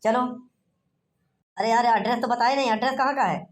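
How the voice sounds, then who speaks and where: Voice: medium pitch, fairly quick, close to an everyday voice. A performer voicing a bossy, curt police inspector in a cartoon comedy, barking orders and mocking people. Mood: gruff. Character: gruff, lazy small-town police inspector.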